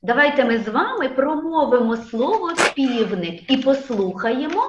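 A woman kindergarten teacher giving a phonics lesson, drawing out sounds slowly and coaxing children with questions, recorded in a classroom. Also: high voice, animated, noisy background. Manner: slow, drawn-out sound drills with children repeating; sing-song, coaxing questions. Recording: echoey room, dull lo-fi sound.

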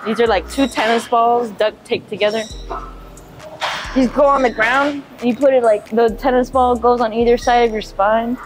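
A woman's voice: fairly high pitch, steady tone, moderate pace. A young woman powerlifter chatting casually in a gym, rambling with lots of filler words, on a lapel mic. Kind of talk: casual vlog chat. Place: indoor gym. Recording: background music under the voice.

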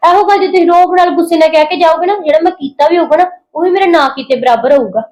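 A woman playing a fast-talking, hurt housemaid. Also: very high-pitched, a little mellow. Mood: aggrieved. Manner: earnest, pleading, quick-talking. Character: hardworking young housemaid, proud and hurt. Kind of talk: family drama skit.

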